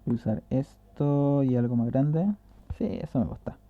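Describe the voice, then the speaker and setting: A man's voice: medium pitch, normal speed, dry recording, phone-quality sound. A man explaining a tutorial in a casual way, walking through a drawing step by step and correcting himself as he goes.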